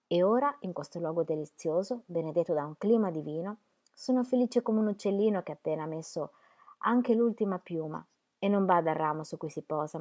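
Expressive woman reading letters aloud. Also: lowish voice. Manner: measured, expressive storytelling. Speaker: reader.

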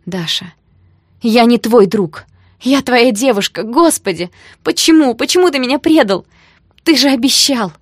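A woman's voice: fairly high pitch, animated, unhurried, hardly any pauses, sharp tone, breathy edge, no room sound, studio quality, pitched above the performer's own voice, heavily acted. A woman voicing a heartbroken pleading girl. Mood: anguished. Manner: pleading, rising to distraught cries.

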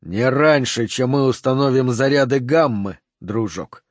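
Guy doing a hard commando boss, stern, yells into the radio, dry close sound. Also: mid-range voice, unhurried, dry recording, close to an everyday voice. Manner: stern, shouting orders. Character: tough, stern male commando leader.

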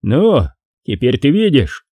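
A shaken submarine pilot speaks with forced, soothing calm, as a male reader voices him. The voice is low-toned, mellow and husky, with a lively pitch, recorded dry and close. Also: takes it slowly, no echo, heavily acted.

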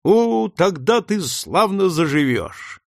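Man doing a young boy, raised pitch, lively swooping delivery, impulsive, dry close sound. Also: takes it slowly, gravelly, no echo, full character voice. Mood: earnest. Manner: excited, pleading outbursts. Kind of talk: audiobook character reading.

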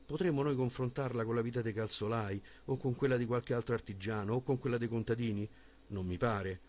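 A man reading a philosophical dialogue as an audiobook in a measured, formal voice with a husky tone. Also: mid-range voice, steady tone, darkish tone. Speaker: audiobook reader.

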